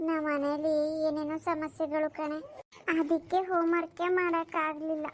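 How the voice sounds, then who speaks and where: A woman voicing a sad little schoolgirl from a troubled home in a cartoon, soft and plaintive. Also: high voice, little pitch movement, moderate pace. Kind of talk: cartoon voice acting.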